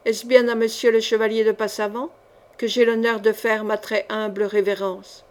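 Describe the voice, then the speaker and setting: A woman's voice: on the high side, level tone, normal speed, darkish tone, natural voice. A woman reading the part of a lanky, chatty male painter with a nasal voice and flowery, courteous speech. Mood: courtly, effusive.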